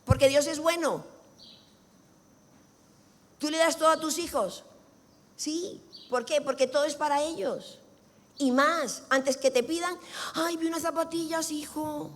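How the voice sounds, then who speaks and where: A woman, preaching an emphatic sermon that swings between loud and hushed and acts out little dialogues. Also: high voice, measured pace, pauses often. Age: 60s. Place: church hall. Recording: long church reverb with music behind.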